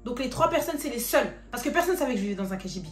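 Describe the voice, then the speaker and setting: A woman's voice: on the high side, lively intonation, very fast. A woman in her twenties telling her personal faith testimony as a vivid story, acting out each exchange of dialogue. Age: 20s. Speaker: testimony vlogger. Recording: roomy sound with faint music.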